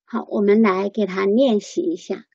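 Patient woman teacher, mellow husky tone, dull dry call audio. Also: medium pitch, fairly even intonation, no room sound. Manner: slow, patient, repeats examples. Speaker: English teacher. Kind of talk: online pronunciation lesson.

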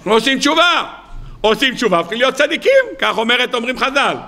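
A man's voice: very high voice, lively intonation, pushed and bright. A man, a rabbi, giving a weekly Torah sermon in a storytelling way, with humorous asides.

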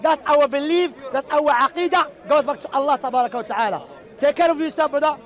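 Man, 30s, insistent street debate, high pitch, outdoor crowd faint behind. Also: quick pace. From Algeria. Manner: loud and passionate, insistent. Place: outdoor park among a crowd. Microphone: clip-on lapel mics.

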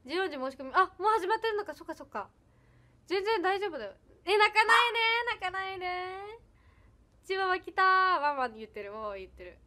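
A woman's voice: extremely high pitch, expressive, quick pace, sharp tone. A young woman, chatting casually on a livestream, giggly and chatty as she reads comments and thanks viewers. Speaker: idol livestreamer.

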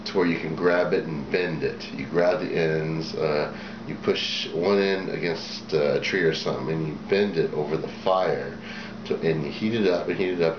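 Man, low voice, rambling plain talk, dull lo-fi camera audio, noisy background. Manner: rambling, plain-spoken, many fillers. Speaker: video host. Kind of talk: casual show-and-tell demonstration. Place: small indoor room at a table. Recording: echoey room, dull sound, background noise.

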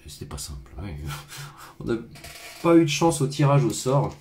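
A man's voice: mid-range voice, big pitch swings, moderate pace, darkish tone. A man hosting a live French lesson, chatting and stopping to explain vocabulary. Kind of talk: casual live lesson and reading.

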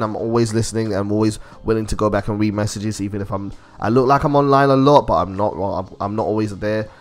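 A man giving casual, chatty commentary for a gaming video, recorded as a voice-over. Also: fairly low pitch. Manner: chatty, loose and conversational.

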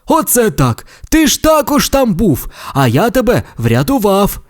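A cheerful tow truck who loves bragging about his heroics, put on by a male storyteller. The voice sits high and bounces all over. Each line comes out proud and self-satisfied, like an audio storybook character. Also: wildly swooping pitch, measured pace, heavily acted. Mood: boastful. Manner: proud, boastful tall-tale teller.

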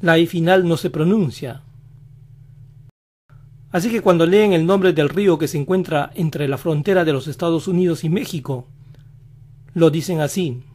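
A man teaching pronunciation in a slow instructional style, repeating each example word several times. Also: a little high, a little mellow. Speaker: language teacher.

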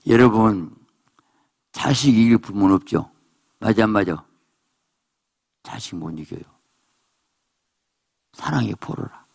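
Male pastor, lively gravelly sermon delivery with husky edge, acts out the voices he quotes. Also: a little slow, pauses often. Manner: animated preaching, voices characters in quotes, jumps to high exclamations. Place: prayer retreat hall.

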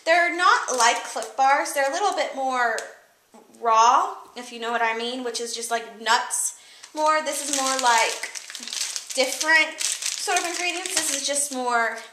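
A woman's voice: high voice, measured pace, sharp tone, echoey room, slight background noise. A young woman chatting casually through a grocery haul, rambling with many fillers, recorded on a camera mic a few feet away indoors. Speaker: vlogger. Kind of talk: casual product haul chat. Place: room with a table by windows, indoors.

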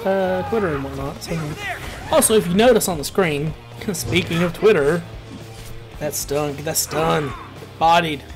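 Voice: medium pitch, unhurried, music in the background. A gameplay commentator talking casually over a match, rambling and ranting with plenty of filler words. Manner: rambling, ranty, laid-back with filler words.

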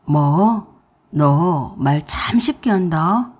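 A woman's voice: sits low, lively intonation, very slow, a little mellow, pitched below the performer's own voice, exaggerated voice. A woman voicing an angry husband who blames his wife and defends his mother, in a radio-drama story reading. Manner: reproachful, blunt.

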